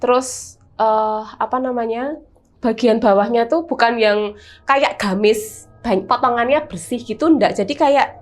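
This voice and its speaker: A woman with a Javanese accent, a guest telling her own horror experience in casual chat, animated and vivid with lots of fillers. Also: fairly high pitch, unhurried. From Semarang, Central Java, Indonesia.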